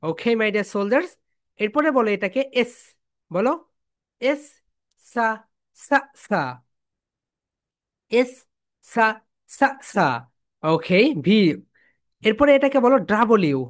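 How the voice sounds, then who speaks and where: A woman's voice: fairly high pitch, lively intonation. A woman teaching English letter sounds, chanting each sound and having the class repeat it. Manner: call-and-response drilling, repeating sounds slowly; calls students "my dear soldiers". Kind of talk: phonics drill lesson.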